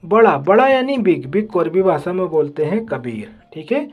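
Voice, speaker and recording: A patient language teacher works through pairs of opposites, repeating each word again and again. The voice sits at a middle pitch. The recording is dull and lo-fi, with faint music underneath. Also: big pitch swings. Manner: slow, repetitive drilling, says "ठीक है" often. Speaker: Arabic teacher. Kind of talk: vocabulary lesson, repeating words.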